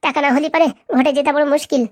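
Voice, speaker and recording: A woman's voice: sits high, flat delivery, very fast, a little mellow, no room sound, lightly acted. A woman voicing a bossy, scheming village wife in a cartoon comedy, who gives commands in rustic speech.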